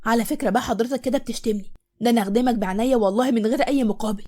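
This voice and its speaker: A woman playing a devoted young nurse in a storybook tale, gushing and outspoken with an Egyptian accent. Her voice sits fairly high and tumbles out fast. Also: a little mellow, lightly acted. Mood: eager. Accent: Egyptian Arabic. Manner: eager, gushing. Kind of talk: storybook voice acting.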